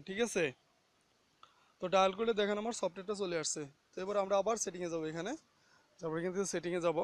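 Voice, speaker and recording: A man with a high-pitched voice hosts a casual, step-by-step phone app tutorial, instructing listeners and often checking that they're following along. The recording has no echo.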